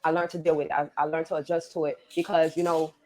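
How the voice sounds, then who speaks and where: An adult woman gives a personal account as a resident interviewed for a documentary, and the clip is noisy. Her voice is deep and a little mellow, with flat delivery and a fast pace.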